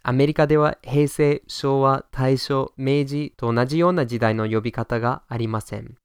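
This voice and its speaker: A man leads a friendly podcast lesson at a mid pitch, switching between two languages to explain each idea. His voice is smooth and resonant, and the recording sounds close and dry with no room echo. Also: fairly even intonation, normal speed. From United States. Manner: explains in Japanese then repeats in English, friendly and upbeat.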